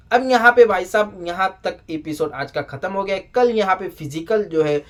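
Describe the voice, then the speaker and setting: An excitable reviewer recaps a TV episode in a loose, chatty way. The voice sits at an ordinary middle pitch, and the delivery is animated, full of exclamations and scolding asides. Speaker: TV show reviewer. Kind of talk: casual spoken episode recap.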